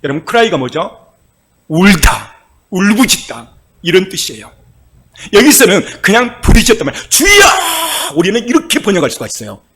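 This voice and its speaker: A male pastor preaching a sermon with passion, moving from soft, quiet passages to loud cries. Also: high voice, very animated, normal speed, husky. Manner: impassioned preaching, swinging from soft to shouting.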